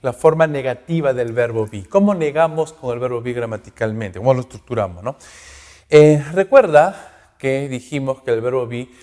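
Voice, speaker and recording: A man's voice: medium pitch, animated, darkish tone. Male language teacher, mid-range voice, patient explainer, long room echo. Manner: explains slowly, checks in often with "¿ok?" and "¿no?"; sounds out English examples slowly and carefully. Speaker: English teacher. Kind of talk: recorded online grammar lesson.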